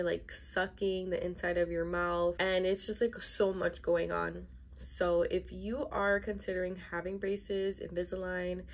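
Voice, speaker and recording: Young woman, vlogger, medium pitch, casual, chatty, emphatic complaining delivery, bedroom recording. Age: young adult. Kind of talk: casual chatty vlog to camera. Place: bedroom, indoors.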